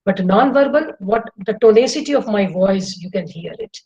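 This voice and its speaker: A woman's voice: mid-range voice, normal speed, highs cut off. A middle-aged woman with an Indian English accent, giving an enthusiastic webinar talk to students over a video call. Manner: lively, enthusiastic lecturing with demonstrations. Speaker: guest speaker.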